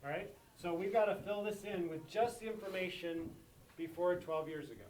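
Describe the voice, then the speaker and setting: A man's voice: high voice, moderate pace, darkish tone. A man teaching a math lesson to a class, repeating key points and checking that students follow. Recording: echoey classroom from far off.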